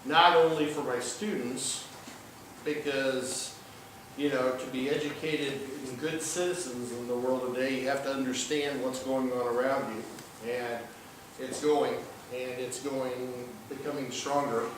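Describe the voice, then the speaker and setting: An older man from the Ozarks of southern Missouri, a college professor appearing as a guest lecturer, gives an informal public lecture in a mid-range voice with fairly even intonation. His delivery is folksy and halting, with pauses. He was recorded from afar by a distant mic in a large, very echoey indoor lecture room with faint noise.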